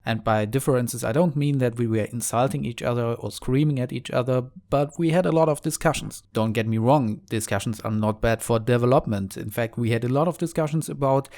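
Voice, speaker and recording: A man's voice: mid-range voice, brisk, few pauses, a little mellow. A young man with a German accent, a native German speaker, explaining the story of his game mod project in a casual, earnest devblog. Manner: earnest, explanatory, slightly non-native phrasing.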